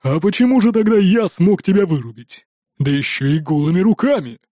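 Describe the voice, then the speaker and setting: A man voicing a burly, mocking male warrior teacher with a deep bass voice, gruff and slow. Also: animated, mellow, no room sound, studio quality.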